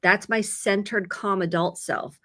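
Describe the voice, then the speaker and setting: Middle-aged lady therapist, earnest, talks it through w/ examples, bright clear tone. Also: medium pitch, steady tone, measured pace. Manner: earnest, explains with examples and acted quotes. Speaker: licensed therapist. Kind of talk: conversational advice segment.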